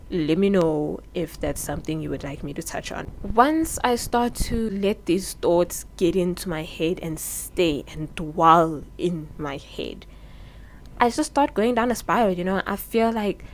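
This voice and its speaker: A woman in her early twenties with a South African accent sits indoors giving frank, earnest vlog advice. Her voice is on the low side, and the audio from her own microphone is poor and prone to popping.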